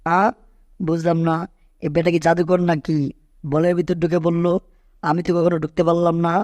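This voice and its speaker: A man's voice: on the high side, level tone, moderate pace, darkish tone, dry recording, clean studio sound, lightly acted. Tom, a man playing a blustering cartoon cat. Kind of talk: cartoon dub acting.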